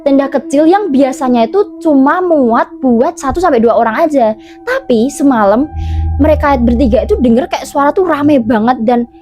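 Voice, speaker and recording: A woman's voice: high voice, lively intonation, normal speed, mellow. A woman casually retelling a mountain-camping ghost story, chatty and full of fillers and self-corrections.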